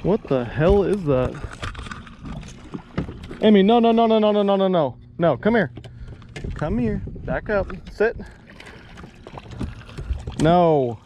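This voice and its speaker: A man's voice: sits high, lively intonation, takes it slowly, pauses often, highs cut off, a little hiss or hum. Chatty man fishing on a boat. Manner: chatty, talks to his dog, self-mocking. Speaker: fishing vlogger. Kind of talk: casual running commentary. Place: outdoors on a bass boat on a lake. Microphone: action camera on the boat.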